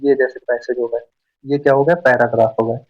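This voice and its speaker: A man gives a quick, informal exam-prep lesson, often putting a question and then answering it himself. He sits a little back from the mic, and the recording sounds muffled and lo-fi. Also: mid-range voice, level tone. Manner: fast, chatty, often asks and answers own questions. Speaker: exam coaching teacher. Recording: dull, slightly distant mic.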